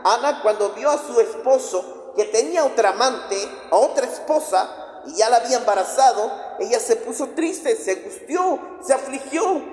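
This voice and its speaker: Male preacher, dramatic repetitive delivery, high-pitched, roomy echo. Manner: dramatic, piles up repeated phrases. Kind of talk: sermon. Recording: echoey hall with long reverb.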